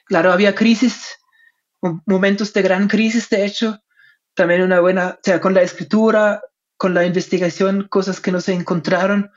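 A man's voice: sits high, level tone, normal speed. A man with a German accent, a native German speaker using Spanish, answers interview questions in a conversational way. His phrasing is reflective and hesitant, often checking in with short tag questions. The recording is dull and lo-fi. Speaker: interviewed academic researcher and author. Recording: dull, lo-fi sound.

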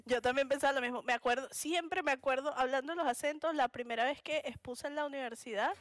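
A woman's voice: high voice, fast. A young woman with a Venezuelan accent from Punto Fijo, co-hosting a casual podcast chat, slangy and laughing often. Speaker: podcast co-host.

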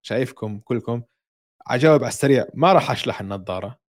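Male sports podcast co-host, Palestinian-Jordanian Levantine accent, rapid conversational delivery, mid-range voice. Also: mid-range voice, lively intonation. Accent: Palestinian-Jordanian Levantine Arabic. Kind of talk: casual sports chat.

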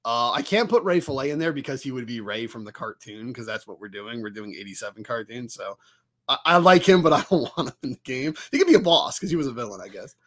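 A man's voice: medium pitch, animated, fast talker, a bit bright. A man co-hosting a fan podcast, talking casually and animatedly, rambling and swearing now and then. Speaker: podcast co-host. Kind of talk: casual chat.

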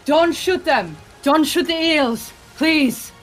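A woman's voice: takes it slowly, soft background music. Woman voicing a frantic pleading woman sailor. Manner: high, pleading cries.

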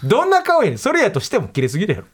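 A man with a Kansai accent, co-hosting a comedy radio talk show, telling stories in an animated, excitable way. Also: sits high, very fast. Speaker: radio co-host.

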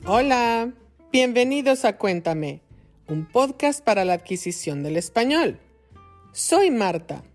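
A Mexican woman hosts a podcast for Spanish learners, enunciating each word with deliberate care. She talks very slowly, and her pitch rises and falls in a lively, animated way. Faint music plays softly behind her voice. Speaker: podcast host and Spanish teacher. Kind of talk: slow, clear teaching podcast for learners.

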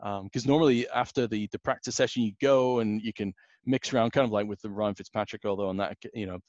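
Man, 30s, low voice, rambling anecdotes, muffled dull audio. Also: fairly even intonation, fast, darkish tone, no echo. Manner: rambling anecdotal storytelling, many fillers. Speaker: podcast guest. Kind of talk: casual podcast chat.

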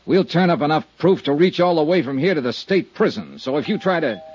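In an old radio drama, an actor plays a blunt, world-weary male insurance investigator, narrating in clipped, sardonic, accusing tones. His voice is fairly high, husky, a little mellow, and sing-song, delivered fairly quickly with no room sound. The audio has the dull lo-fi quality of an old radio broadcast.

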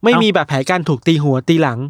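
A man with a slightly high voice and a quick pace recounts bizarre news to friends in casual chat. The studio-quality recording has no room sound, and his lively retelling includes acting out the people with quoted voices.

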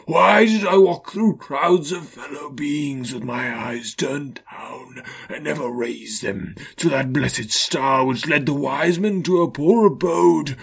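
Marley's wailing chained ghost. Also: male voice, a little high, vocal fry, breathy edge, voice pushed up, full character voice. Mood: remorseful. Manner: slow anguished wailing declamation.

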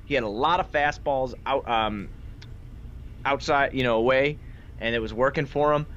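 Male podcast host, informal and slangy game talk, average pitch, slightly dull audio. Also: normal speed, fairly bright tone. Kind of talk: casual game recap chat. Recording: dull lo-fi sound with faint noise.

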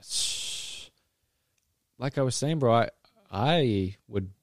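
A man's voice: mid-range voice, expressive, takes it slowly, no room sound, clean studio sound. A man from Texas chatting casually like a frat bro, blunt and sweary, with bro-heavy slang. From Austin, Texas. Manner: blunt, profane. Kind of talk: casual podcast-style chat.

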